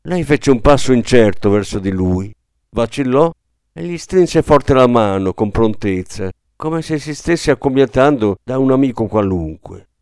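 Man narrating an audiobook, calm and measured, smooth resonant voice, dry close mic. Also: mid-range voice, no room sound. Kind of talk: scripted narration.

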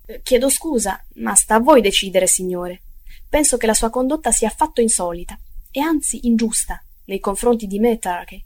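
A woman's voice: a little high, animated, moderate pace, darkish tone. A woman voicing a young, nervous male copyist who hedges and apologizes. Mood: apologetic. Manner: hedging, apologetic.

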